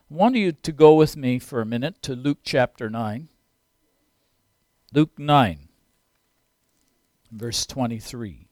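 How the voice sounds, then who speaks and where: A man's voice: mid-range voice, no echo, clean studio sound. A man in his sixties preaching a sermon, earnest and rising to emphatic peaks. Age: 60s.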